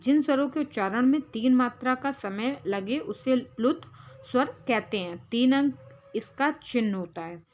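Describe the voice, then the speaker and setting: A woman's voice: high voice, expressive, unhurried, muffled recording. A woman teaching as an exam prep tutor, going through quiz answers step by step and calling her viewers friends.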